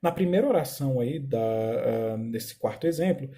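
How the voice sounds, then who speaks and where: A man's voice: mid-range voice, expressive, mellow. Man with a Brazilian accent teaching English grammar. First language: Portuguese. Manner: explains step by step, slowing down to read English examples aloud; often checks in with "tá?" and "olha só". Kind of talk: recorded grammar lesson.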